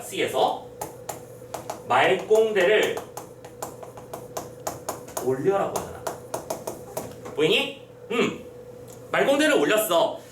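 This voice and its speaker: A male tutor leads an exam-prep lecture, stopping often with quick checking questions. His voice sits high and moves lively up and down. The sound carries a roomy echo with faint ambience behind it. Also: distant mic, a little hiss or hum. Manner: explains step by step with frequent checking questions; acts out quoted lines in a gruff voice. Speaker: Korean literature tutor.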